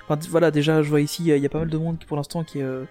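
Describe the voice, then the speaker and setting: A man's voice: fairly high pitch, little pitch movement, racing, dark tone, faint music behind. A man chatting on a casual podcast, enthusiastic and rambling, often restarting his sentences.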